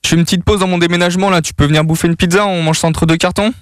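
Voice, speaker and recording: A cheeky man bantering as a radio prank caller. His voice is slightly high and very quick, unfazed and colloquial, with a dry sound. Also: steady tone, no echo. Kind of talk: casual prank-call banter.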